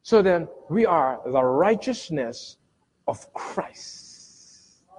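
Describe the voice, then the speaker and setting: A middle-aged male pastor with a husky voice, preaching a sermon with sudden loud bursts and dramatic pauses, recorded in a church sanctuary. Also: a little high, lively intonation. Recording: long reverb of a church hall.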